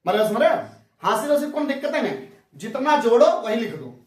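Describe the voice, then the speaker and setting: High-voiced man teaching in an echoey room. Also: very animated, brisk, a little mellow. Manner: folksy, asks the class questions and answers them himself. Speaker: math teacher. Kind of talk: classroom math lesson. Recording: echoey room, mic far off.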